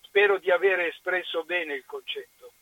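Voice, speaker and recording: A man phoning in to a radio show on speakerphone, telling a lively anecdote in a chatty way. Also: high-pitched, moderate pace, no room sound. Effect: on speakerphone over a phone line. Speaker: caller. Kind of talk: phone-in chat, telling an anecdote. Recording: dull phone line, speakerphone.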